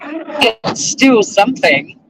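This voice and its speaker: The speaker's pitch is extremely high, his delivery sing-song and slow, his tone a bit bright. He's a middle-aged Australian lawyer and vlogger chatting casually while driving, rambling, mocking himself and swearing offhandedly. The low-quality recording has a little hiss or hum.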